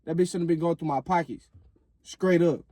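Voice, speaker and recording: A man's voice: on the high side, steady tone, fairly quick, mellow, dry recording. An American man chatting casually in a reaction video, emphatic and blunt, with street slang and heavy swearing.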